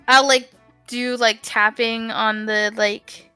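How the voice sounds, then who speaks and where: A woman chatting casually as a co-player on a stream, animated and expressive. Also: a little high, smooth, no echo. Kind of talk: casual chat.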